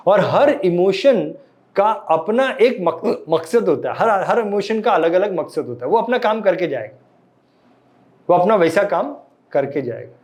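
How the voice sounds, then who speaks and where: A man's voice: high-pitched, animated, a little slow, a little mellow. A man lecturing a live class, often quizzing his listeners and mixing in English phrases. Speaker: meditation and emotions teacher.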